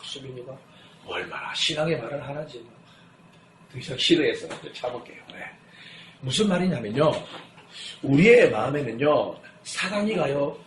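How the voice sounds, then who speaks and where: A man preaching a sermon as pastor, telling stories lively and asking his congregation questions. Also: mid-range voice, slight background noise. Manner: asks the congregation rhetorical questions; lively storytelling. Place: church sanctuary. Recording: echoey church hall.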